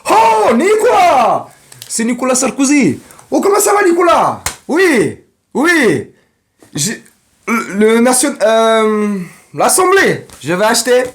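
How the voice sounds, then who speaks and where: A man voicing an excitable rich buyer who gushes and repeats himself as he snaps up landmarks. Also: very high-pitched, slow pace, slight background noise, voice pushed up, full character voice. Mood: gushing. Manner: squealing, giddy, repeats himself.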